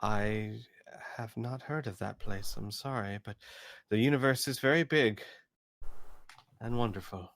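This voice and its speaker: A man's voice: on the low side, a little slow, vocal fry, a bit bright. A man voicing a mild, polite, apologetic believer full of wonder in a tabletop role-playing game. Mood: gently wondering. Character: mild, apologetic male believer, awed by the universe.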